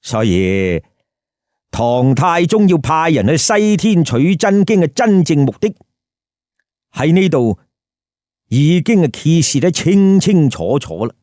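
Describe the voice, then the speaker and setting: A man with a Hong Kong Cantonese accent, hosting as a storyteller, tells a tale with colloquial, emphatic commentary and rhetorical questions. His voice is a little high and darkish, swinging widely in pitch as he takes it slowly. The recording is dry, with clean studio sound.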